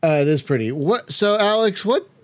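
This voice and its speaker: A man's voice: sits high, animated, normal speed, dry recording. A man hosting a podcast, chatting casually while playing a game and reacting aloud with stumbling restarts. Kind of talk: casual gameplay chat.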